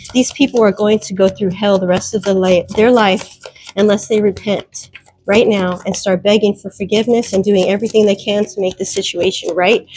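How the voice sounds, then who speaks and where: A woman's voice: medium pitch, a little mellow, a little hiss or hum. A woman giving a solo tarot reading, speaking emphatically, repeating her warnings and addressing viewers directly. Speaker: tarot reader.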